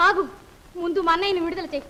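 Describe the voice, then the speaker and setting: A woman's voice: extremely high pitch, fairly even intonation, racing, bright, forceful tone. An actress playing a defiant young noblewoman heroine in a 1950s film melodrama, with pleading, defiant outbursts.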